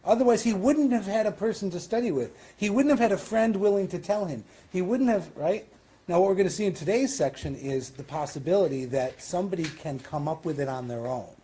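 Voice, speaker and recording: A man's voice: sits high, animated, fairly quick, warm tone, breathy edge. A man with a Western New York accent teaching a Talmud class as rabbi, explaining in a conversational way with questions and asides. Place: synagogue classroom.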